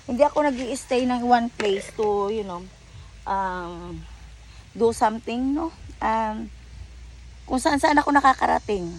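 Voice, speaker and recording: On the high side and animated, this Filipino-accented woman speaks a little slowly and pauses often while vlogging outdoors by a river. She chats casually in English and Tagalog, with many fillers and self-corrections, and a little hiss or hum is audible.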